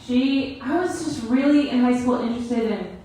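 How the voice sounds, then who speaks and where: A woman's voice: on the high side, moderate pace, warm tone. A young woman doing a stand-up set, rambling and self-deprecating, often laughing at her own jokes. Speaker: stand-up comedian. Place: comedy club stage. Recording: very echoey room.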